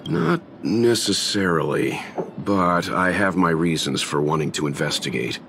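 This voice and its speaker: An actor playing a calm, serious older investigator in a video game, measured and steady. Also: male voice, sits low, creaky, noisy background, heavily acted. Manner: measured and steady, gently correcting. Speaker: game character.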